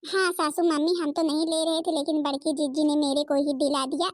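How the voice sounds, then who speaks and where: A woman's voice: high voice, little pitch movement, brisk, no echo, studio quality, close to an everyday voice. A woman voicing an anxious young daughter-in-law in a cartoon, pleading and flustered. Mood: polite.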